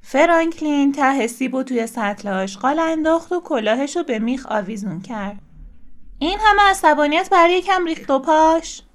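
A woman reads a children's storybook aloud in a high, calm voice. Her delivery is expressive and steady, the narration of a storyteller.

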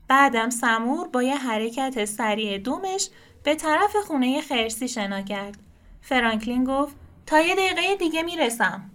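Woman, children's storybook reading, gentle, expressive, high voice.

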